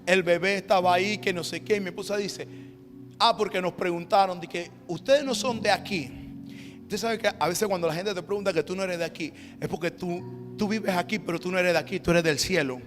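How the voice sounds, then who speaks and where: Pastor: man, high voice, emphatic storytelling sermon, long church hall reverb. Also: steady tone, brisk, faint music behind. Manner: storytelling, building to loud emphatic calls.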